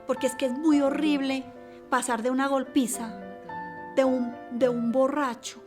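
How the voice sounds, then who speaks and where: Hushed middle-aged woman giving testimony. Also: sits high, flat delivery, music in the background. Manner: slow, hushed, often dropping to a near whisper. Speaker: interviewee. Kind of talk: personal testimony.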